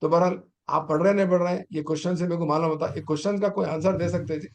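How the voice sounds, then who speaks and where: A man's voice: a little high, steady tone, rapid-fire. Exhorting man. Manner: exhorting, fires rhetorical questions at students. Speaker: teacher trainer. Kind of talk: online exam-prep lecture.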